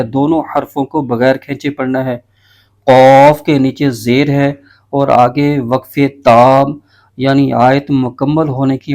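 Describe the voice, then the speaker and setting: A man teaching Quran recitation with tajweed, patiently explaining the rules and spelling out each letter slowly. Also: mid-range voice, a little mellow.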